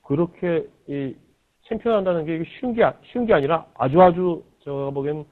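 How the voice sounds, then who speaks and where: A man leads an interview, pressing his guest with searching questions and filling the pauses with short sounds of agreement. His voice comes through thin and tinny, like over a phone line. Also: fairly high pitch. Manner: probing, frequent backchannel agreement. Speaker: interviewer, host. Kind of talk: book interview. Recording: tinny lo-fi radio-like audio.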